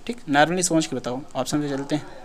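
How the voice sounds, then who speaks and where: A man's voice: fairly high pitch, fast talker. A man teaching an exam-prep lesson in a casual way, asking questions and answering them himself. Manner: casual, repeats himself, asks and answers his own questions.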